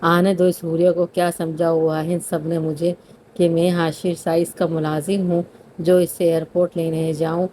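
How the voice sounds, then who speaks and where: A woman voicing a lazy young man who grumbles and complains in a mellow, even voice. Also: fairly low pitch, slight background noise, close to an everyday voice. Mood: grumbling.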